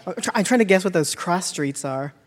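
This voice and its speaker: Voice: mid-range voice, animated, fairly quick. A guest comedian doing live stage banter, bubbly, giggly and eager. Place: large theater stage before an audience. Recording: live theater with reverb and crowd noise.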